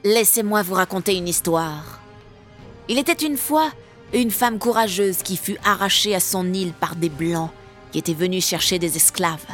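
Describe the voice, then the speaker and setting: A woman's voice: lowish voice, moderate pace, faint music behind, natural voice. A woman voicing a vengeful, menacing witch. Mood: storytelling. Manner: menacing, hushed growl.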